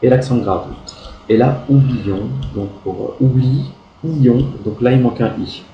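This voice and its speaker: Slow, gravelly-voiced teacher spelling out letters. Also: male voice, medium pitch, highs cut off. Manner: spells out letters, slow and patient, gentle praise. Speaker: primary school teacher. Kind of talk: correcting pupils' written exercises aloud. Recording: echoey room with faint background noise.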